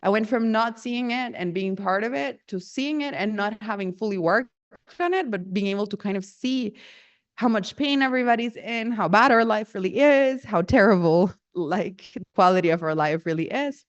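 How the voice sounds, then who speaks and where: A woman's voice: medium pitch, normal speed, highs cut off. A woman telling a personal story in a casual way, laughing often and acting out the dialogue she quotes.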